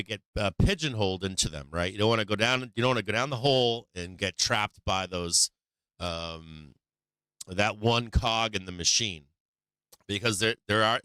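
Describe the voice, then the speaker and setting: A man with a thin, tinny voice light on bass, giving rambling, blunt, profanity-laced live trading commentary. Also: sharp tone, clean tone, dry recording. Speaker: stock trading livestream host.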